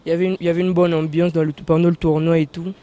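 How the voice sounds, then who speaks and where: A man answering as a rugby player in short, hesitant, soft-spoken replies. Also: fairly high pitch, little pitch movement, very fast. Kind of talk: casual interview answers.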